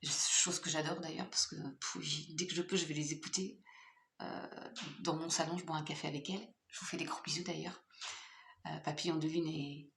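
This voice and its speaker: A woman's voice: low-pitched, flat delivery, normal speed, a bit bright, roomy sound, slight background noise. A woman doing a casual, playful card reading for her viewers, chatty with many fillers. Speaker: tarot card reader.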